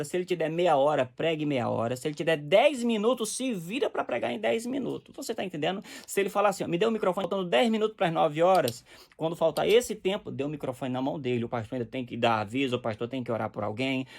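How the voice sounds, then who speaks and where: A man's voice: on the high side, creaky. A man preaching in a direct, exhorting teaching style, often checking that the listener understands. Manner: direct, exhorting, often asks "você tá entendendo?".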